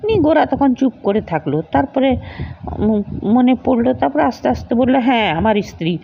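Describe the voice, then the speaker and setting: A woman's voice: sits high, fairly quick, creaky, a little hiss or hum. A woman casually retelling the plot of a TV serial, loose and hesitant, with many filler sounds. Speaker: storyteller recapping a TV serial. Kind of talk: casual spoken story recap. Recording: dull lo-fi recording.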